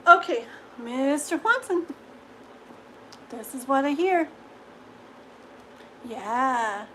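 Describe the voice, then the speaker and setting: High-voiced chatty woman reading tarot. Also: lively intonation, extremely slow, sharp tone, a little hiss or hum, rough recording. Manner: chatty, reassuring, full of "okay?" tags and giggles. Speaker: tarot reader. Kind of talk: live-stream tarot reading.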